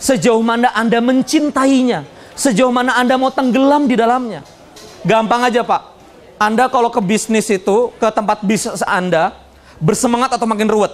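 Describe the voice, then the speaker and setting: Man, very high voice, business seminar speaker, lively, joking. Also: normal speed. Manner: lively, joking, addresses the audience directly. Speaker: business speaker and motivational trainer. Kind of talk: seminar talk to an audience.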